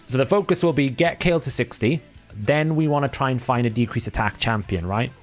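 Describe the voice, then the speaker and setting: Brisk and medium-pitched, the voice belongs to a Welsh-speaking man from Wales streaming a game live, with faint music in the background. His commentary is relaxed and conversational, full of thinking aloud and self-corrections.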